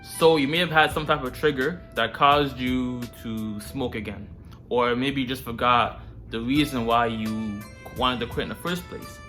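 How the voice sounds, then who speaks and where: A man's voice: medium pitch, steady tone, moderate pace, bright, forceful tone, soft background music. A man hosting a self-improvement series, talking straight to the viewer in a casual, slangy, informal way. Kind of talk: casual direct-to-viewer advice talk.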